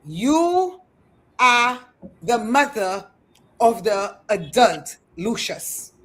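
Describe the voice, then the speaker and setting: A woman hosting a talk show, interviewing a guest with effusive praise and slow, deliberate questions. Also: a little high, big pitch swings, fairly bright tone.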